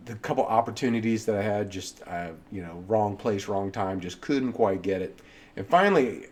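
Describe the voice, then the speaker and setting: A man with a low-pitched voice tells a personal story on his podcast. He rambles and restarts his sentences, and he pokes fun at himself as he goes. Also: a little hiss or hum. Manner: rambling, self-deprecating, with frequent restarts. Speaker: podcast host.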